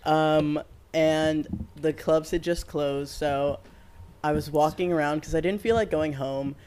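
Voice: mid-range voice, steady tone, a little slow, darkish tone, smooth. A person in their twenties co-hosting a podcast, telling a long personal story in casual chat and laughing often. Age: 20s. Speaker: podcast co-host.

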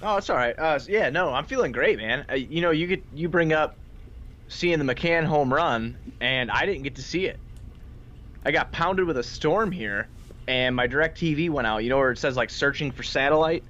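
A man's voice: fairly high pitch, expressive, moderate pace, fairly bright tone. A man hosting a sports podcast, recapping a game in casual, informal, slangy chat. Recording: dull lo-fi sound with faint noise.

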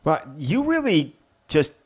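A man's voice: fairly high pitch, huge pitch swings, slow pace, a little mellow, slightly rough. A man co-hosting a podcast in casual chat, brash and joking, swearing freely. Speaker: podcast co-host.

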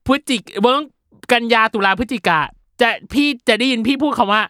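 A woman's voice: on the high side, a little fast, a bit bright, dry recording, clean studio sound. A woman co-hosting a podcast in casual chat, talkative and playful with lots of fillers. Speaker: podcast co-host.

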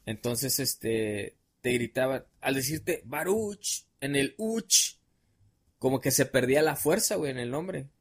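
A young man with a Mexican accent tells stories loosely, full of slang and hesitations. His pitch sits in an ordinary middle range, and he drifts from one detail to the next in a relaxed podcast chat. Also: moderate pace, few pauses. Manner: rambling, slangy, many fillers. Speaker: podcast guest. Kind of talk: casual storytelling chat.

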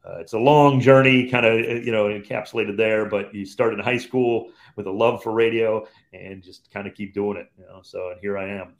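Originally from Cleveland, Ohio, this man in his fifties recalls his years in radio while chatting as a podcast guest. A seasoned play-by-play commentator, he speaks in a low, steady, unhurried voice, his relaxed recollections loosely phrased.

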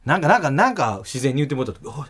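A man in his forties with a Kansai accent, co-hosting a radio comedy show, animated and breaking into loud comic outbursts. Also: medium pitch, racing, breathy edge. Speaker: radio comedy duo host. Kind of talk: casual radio banter.

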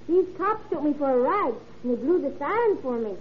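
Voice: sits high, very animated, brisk. A young performer playing a naive, cheeky little boy in a 1930s-style radio drama, with guileless slangy talk. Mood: eager. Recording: dull, noisy old radio recording.

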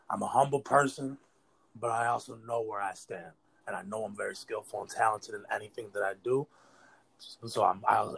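On a low-quality recording, an 18-year-old battle rapper from New York State, in the United States, speaks as an interview guest, casual, earnest, rambling, and heavy on slang. His voice is on the low side, gravelly and fairly bright with a breathy edge.

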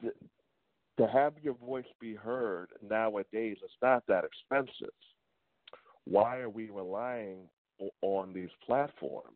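Low-voiced man calling in over a tinny phone line. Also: no echo. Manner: deliberate, repeats points for emphasis. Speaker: caller to a talk radio show. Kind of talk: call-in opinion on a talk show.

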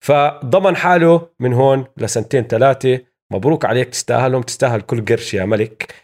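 A man with a Levantine Arabic accent hosts informal sports commentary. His voice sits at an average pitch and moves along rapidly, slipping English jargon in as he explains. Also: a little mellow. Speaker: sports show host. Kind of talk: casual basketball news commentary.

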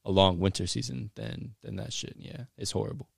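A man's voice: on the low side, a little fast, vocal fry, husky, no room sound, clean studio sound. A man from Texas chatting casually like a frat bro, blunt and sweary, with bro-heavy slang. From Austin, Texas. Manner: blunt, profane. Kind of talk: casual podcast-style chat.

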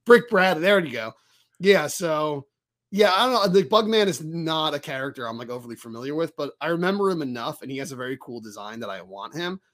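A man's voice: on the high side, animated, fairly quick, fairly bright tone. A man co-hosting a fan podcast, talking casually and animatedly, rambling and swearing now and then. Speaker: podcast co-host. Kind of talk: casual chat.

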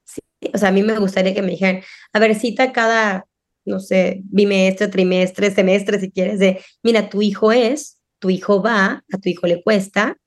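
A woman's voice: medium pitch, moderate pace. A middle-aged woman, a parenting guest on a podcast, speaking in casual conversation and acting out the voices of parents and children. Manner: animated, acts out quoted parents and children.

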